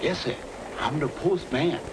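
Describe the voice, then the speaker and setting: An actor playing a flustered, servile train waiter with muddled, folksy banter in a 1930s screwball comedy film. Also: male voice, a little high, measured pace, close to an everyday voice. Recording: noisy old 1930s film soundtrack.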